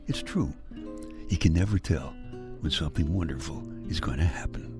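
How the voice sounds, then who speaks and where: An older man gently tucking the listener in at bedtime, soothing them toward sleep as a podcast host signing off. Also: very deep voice, brisk, loud music behind the voice. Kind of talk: soft bedtime sign-off.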